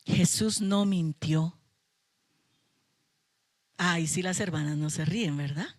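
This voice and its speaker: This Colombian woman, a middle-aged pastor, preaches passionately and emphatically in a church sanctuary while joking playfully with her congregation. Her voice is lowish and slow, with no echo in the recording.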